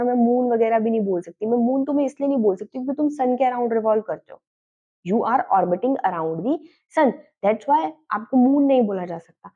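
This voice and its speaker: A woman's voice: a little high, slightly rough, phone-quality sound. A woman teacher giving a lecture, asking questions and answering them herself, often switching into English phrases. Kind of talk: classroom lecture.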